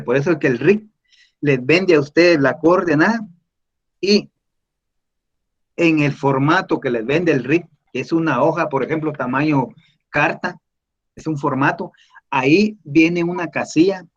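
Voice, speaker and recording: A man teaching surveying in an online class, explaining slowly and patiently over a video call. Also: fairly high pitch, highs cut off. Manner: slow, explanatory, addresses listeners as "mis estimados". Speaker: surveying instructor answering questions.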